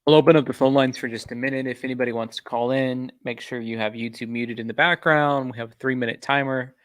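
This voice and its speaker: A man's voice: mid-range voice, fairly even intonation, quick pace, no echo, clean studio sound. A man hosting a casual livestream, telling a rambling, exasperated story with many restarts. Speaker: YouTube true-crime channel host.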